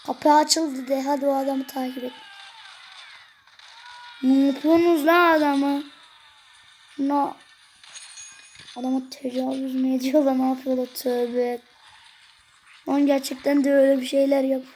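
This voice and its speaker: A gaming video creator giving excitable gameplay commentary, cursing and joking at the game characters. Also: high voice, unhurried, pauses often, slight background noise.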